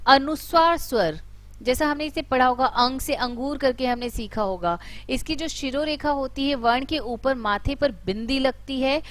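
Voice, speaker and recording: A woman teaching letters, explaining step by step and drawing out each example word slowly and loudly. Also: sits high. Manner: drawn-out, loud example words. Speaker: Hindi teacher. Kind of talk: explanatory lesson.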